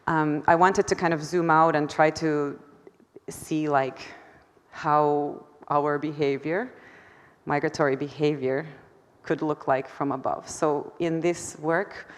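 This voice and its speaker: Low-voiced woman giving a talk in a reverberant hall. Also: steady tone, slow. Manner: hesitant, many fillers and restarts, self-deprecating laughter. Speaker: artist presenting her work. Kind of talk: conference talk.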